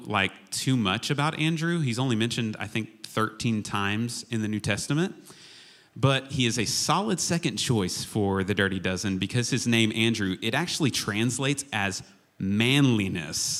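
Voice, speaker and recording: With a low-leaning voice, lively intonation and a fairly bright tone, a man from Oklahoma, United States, speaks at normal speed. He's a worship and media arts pastor guest preaching a casual, funny sermon, chatty and self-deprecating.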